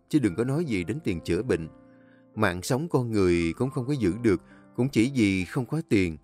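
Male storyteller, dramatic narration, very lively pitch, soft music behind. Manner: expressive, emotive reading.

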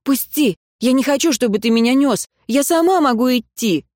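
A woman reading an audiobook, voicing an angry, stubborn young woman who shouts back in protest. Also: high voice, moderate pace, no room sound, studio quality, pitched above the performer's own voice, natural voice. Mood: indignant. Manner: indignant, shouting.

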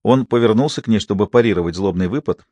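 A man reading a novel aloud as scripted narration, expressive and animated. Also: fast, no echo. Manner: expressive reading, rising pitch for quoted speech. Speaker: audiobook reader.

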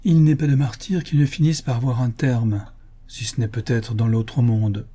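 A man narrating a classic novel audiobook in a measured, expressive reading. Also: medium pitch, breathy edge.

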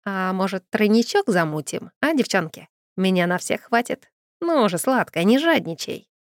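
A woman's voice: medium pitch, very animated, normal speed, no room sound, clean studio sound. A woman voicing a brash, leering young male werewolf in an audiobook, taunting and crude.

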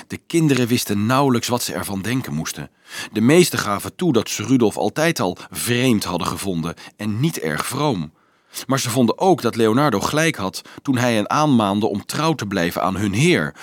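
A man narrating a novel aloud in a measured storytelling manner. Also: fairly low pitch, dry recording, clean studio sound. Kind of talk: audiobook narration.

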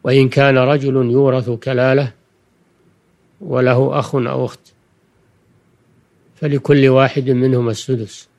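An older man, a religious scholar, giving a Quranic lesson in formal Standard Arabic, deliberate and didactic, repeating key phrases. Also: mid-range voice, flat delivery, darkish tone. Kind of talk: Quranic exegesis lecture for listeners.

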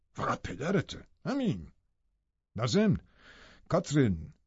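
A man's voice: mid-range voice, a little mellow, dry recording. A man voicing a cruel, scornful middle-aged captor in an audiobook, speaking in a taunting, cutting way. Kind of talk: audiobook character reading. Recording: dry, slightly dull studio audio.

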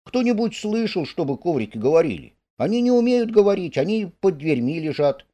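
A man's voice: sits high, very animated, brisk, mellow, pitched above the performer's own voice. A man voicing a fussy, plaintive male mole who complains and quibbles in a storybook reading. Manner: whiny, pedantic complaining.

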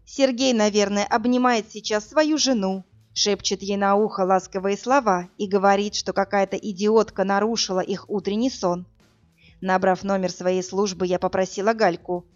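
A woman narrating a first-person audiobook in a steady, plain storytelling manner, in a slightly muffled recording. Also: mid-range voice, moderate pace, faint music behind.

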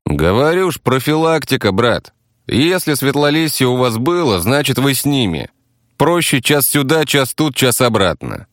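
A man's voice: medium pitch, lively intonation, moderate pace, fairly bright tone, no echo, clean studio sound, voice pushed up, natural voice. A man voicing a crude, defiant captive gang fighter who swears and blusters. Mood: blustering. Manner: coarse, swearing, blustering, addresses others as brother.

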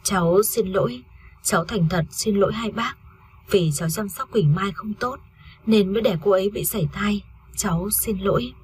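A woman's voice: medium pitch, normal speed, a little mellow, slight background noise, close to an everyday voice. A woman reading a story aloud, voicing an ashamed young husband who speaks in a subdued, apologetic way.

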